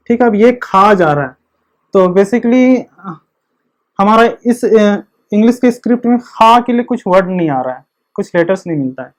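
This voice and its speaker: A man giving an online video lecture, explaining slowly and step by step while he writes. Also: high voice. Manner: slow, step-by-step explaining, repeating the same check word. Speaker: teacher of a script.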